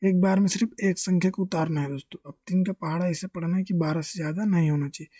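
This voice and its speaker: Maths tutor walking thru division step by step, asks then answers own questions, mellow warm tone. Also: medium pitch, steady tone, quick pace, dry recording, studio quality. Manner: keeps addressing listeners as friends. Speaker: maths teacher.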